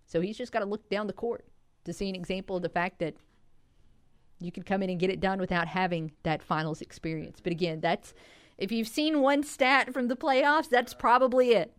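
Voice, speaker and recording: A woman's voice: medium pitch, steady tone, a little fast, clear, resonant tone, no echo. A woman hosting a sports talk radio show, breaking down stats in a conversational way and taking calls. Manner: conversational, stat-driven analysis.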